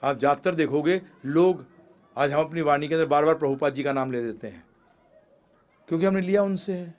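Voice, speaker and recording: Man, devotional lecture, slightly high-pitched, emphatic, rhetorical questions. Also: brisk. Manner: emphatic, rises sharply in pitch and volume to stress points; uses rhetorical questions and repetition. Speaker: spiritual lecturer.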